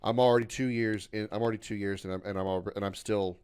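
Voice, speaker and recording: His fairly low voice is clear and resonant, a little mellow, with a steady tone and quick pace. He's a game streamer in his thirties chatting casually with viewers, rambling, repeating himself, fumbling words and glumly putting himself down.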